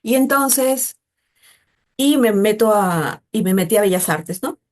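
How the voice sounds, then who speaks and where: A middle-aged Peruvian woman in a casual interview, talking in a chatty, animated way and often tagging her sentences with a questioning "¿no?". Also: mid-range voice, a little slow. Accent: Peruvian Spanish. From Peru. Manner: chatty, animated, mimics voices in quotes, frequent "¿no?". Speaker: interviewee, artist.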